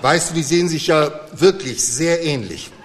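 A man playing a kind father, soft, gentle, patient, fairly high voice, hall reverb. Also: moderate pace, slight background noise, lightly acted.

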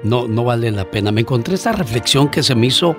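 A man's voice: mid-range voice, expressive, soft background music. A man, a guest on an interview show, telling stories in a casual, earnest way with fillers. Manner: warm storyteller, earnest, pauses with fillers.

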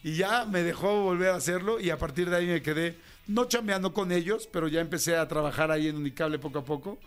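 High-voiced Mexican man telling a story. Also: quick pace. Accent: Mexican Spanish. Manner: animated, acts out quoted voices, slangy. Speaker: radio show host. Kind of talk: casual storytelling.

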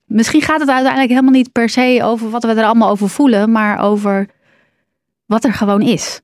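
A woman's voice: mid-range voice, a little mellow, dry recording, studio quality. A woman speaking as a guest on grief, thoughtful and hesitant, with many fillers. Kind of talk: reflective conversation.

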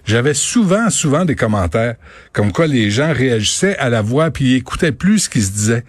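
A man with a Quebec French accent talks on a radio show in relaxed, slangy banter. His voice sits in a middle register. He jokes dryly. The studio sound is close and dry. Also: medium pitch, normal speed, no echo. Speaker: radio host.

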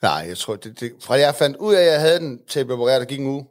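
A man's voice: medium pitch, expressive. A man in his thirties, a guest in a casual chat, telling candid stories with frequent laughter.

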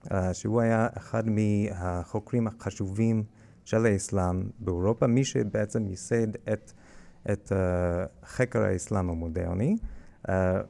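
A man with a lowish, mellow voice and a strong American English accent in Hebrew. He speaks as an interviewed curator, explaining haltingly, with restarts and a gravelly creak. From United States. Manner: halting, with frequent hesitations and restarts. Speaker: guest curator of a library collection.

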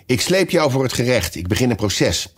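A man's voice: medium pitch, big pitch swings, normal speed, breathy edge, pitched above the performer's own voice. A man reading a storybook aloud, voicing a pompous, threatening dog who plays judge and jury. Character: menacing, self-appointed judge dog.

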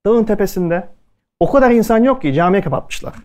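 A man's voice: sits high, expressive, brisk, a little mellow. Chatty man telling anecdotes onstage. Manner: chatty anecdotal delivery, acting out quoted dialogue. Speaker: speaker at a culinary event. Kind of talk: casual storytelling talk to an audience.

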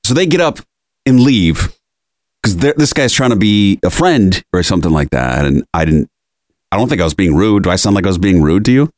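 A man's voice: low-pitched, fairly quick, no echo, studio quality. A man co-hosting a podcast, telling a story in casual chat and acting out the voices of people in it. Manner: animated storyteller, acts out quoted voices. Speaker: podcast co-host.

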